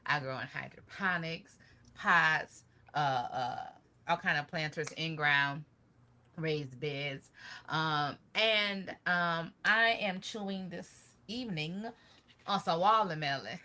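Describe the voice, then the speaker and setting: A woman's voice: low-pitched, slow pace. A woman co-hosting a casual live gardening chat, greeting viewers and talking easily with "y'all". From Michigan. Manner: chatty, warm greetings with Southern-style "y'all".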